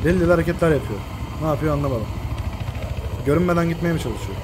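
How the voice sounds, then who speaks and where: A man commentating his own shooter gameplay, excitable, swearing and shouting at his teammates. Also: on the high side, fast talker, background noise. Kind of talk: live gaming commentary.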